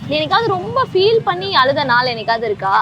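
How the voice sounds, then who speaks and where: A woman's voice: high-pitched, sing-song, fast talker, highs cut off, crowd noise. A woman interviewing passers-by outdoors on a street, firing off teasing, probing questions. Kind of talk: street vox-pop interview.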